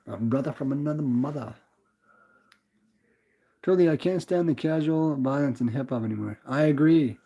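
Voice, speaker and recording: A young Canadian man rambles in a laid-back way on a livestream, reading chat, answering viewers and calling them brother. His warm, mid-range voice moves at normal speed with long pauses, over slightly dull lo-fi sound.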